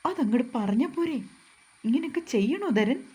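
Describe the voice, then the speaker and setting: A woman voicing a feisty, sharp-tongued young wife in a storybook reading, answering back with quick, indignant retorts. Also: high voice, animated, breathy edge, pitched above the performer's own voice. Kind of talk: storybook narration.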